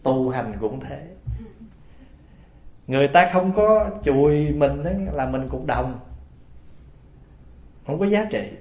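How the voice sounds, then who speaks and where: A man's voice: mid-range voice, expressive, takes it slowly, pauses often, a little mellow. Guy preaching, tells folksy stories, roomy muffled old recording. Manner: folksy, asks the audience questions. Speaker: Buddhist preacher. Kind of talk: storytelling sermon. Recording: roomy, dull lo-fi sound.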